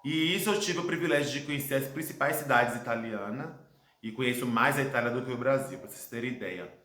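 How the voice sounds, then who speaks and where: Speaking from his home, this Brazilian man in his thirties delivers a reflective, earnest testimony, pausing dramatically along the way. His mid-range voice has a fairly bright tone and a Brazilian Portuguese accent, and the room rings with echo.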